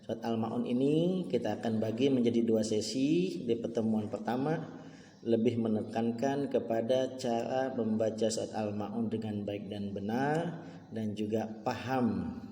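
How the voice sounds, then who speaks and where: A male teacher giving a religious lesson to children, explaining calmly and chanting verses slowly and loudly. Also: on the low side. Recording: echoey room with long reverb.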